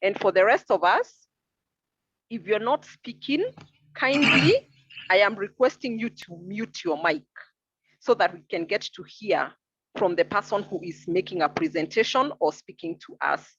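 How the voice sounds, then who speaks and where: A woman's voice: mid-range voice, lively intonation, normal speed, a bit bright, slightly rough, muffled recording. A woman moderating an online meeting, speaking politely and formally as she directs participants over call audio.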